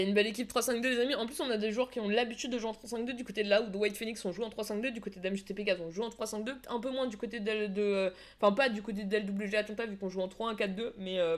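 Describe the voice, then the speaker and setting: Chatty woman casting esports. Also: mid-range voice. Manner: chatty, slangy, many fillers and restarts. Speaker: streamer and match caster. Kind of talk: casual live-stream esports commentary.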